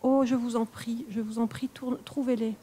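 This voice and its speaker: A woman reading the part of an anxious young woman who hesitantly pleads for money, in a mellow voice. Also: mid-range voice, fairly quick, close to an everyday voice. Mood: pleading.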